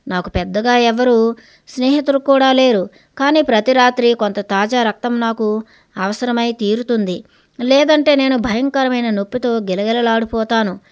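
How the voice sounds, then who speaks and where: A woman's voice: on the high side, clean tone, lightly acted. A woman voicing a gaunt, polite male vampire who pleads as he asks for help, read aloud as a story. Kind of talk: storybook reading.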